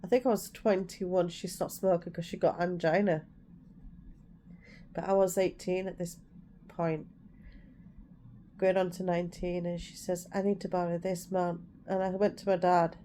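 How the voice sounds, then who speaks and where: A vlogger in her forties, with an English accent touched by Scouse, casually tells personal stories to the camera and corrects herself as she goes. Her voice is fairly low and warm with little pitch movement, a little slow with frequent pauses, over a slight hiss or hum.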